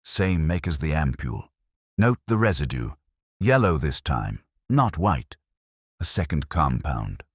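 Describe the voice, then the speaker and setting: A man performs a precise, commanding detective of an audio mystery. The voice is very low and lively in its movement, with clipped, deliberate phrasing. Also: husky, no room sound, studio quality, exaggerated voice. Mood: analytical. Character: Sherlock Holmes, precise, commanding, analytical male detective.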